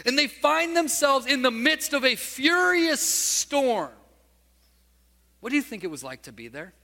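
Male pastor with a very high, bright voice, preaching in a storytelling way. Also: very animated, measured pace, in a large hall. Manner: storytelling, asks the listeners questions. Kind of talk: sermon.

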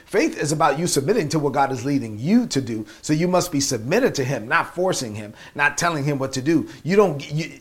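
A man's voice: a little high, a bit bright. A man with a Brooklyn New York accent preaching a motivational sermon, emphatically repeating key phrases and rhymes.

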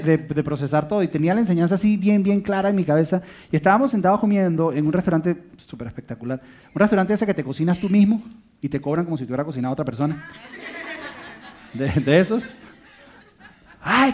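A man in his thirties or forties preaching a sermon, telling family stories in an animated way and dropping to a soft, quiet voice to stress a point. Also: on the high side. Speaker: pastor. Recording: dull lo-fi recording.

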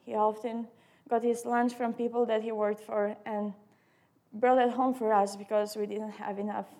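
A woman's voice: fairly high pitch, flat delivery, normal speed, warm tone. A woman in her early twenties with an Albanian accent, a non-native English speaker reading her personal testimony aloud. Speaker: student sharing testimony.

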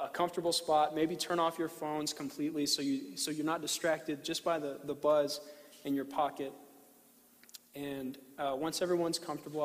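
A man preaching a sermon and reading scripture as a pastor, deliberately, with pauses and repeated phrases. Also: fairly high pitch. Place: large reverberant room, speaking to a congregation. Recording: reverberant hall.

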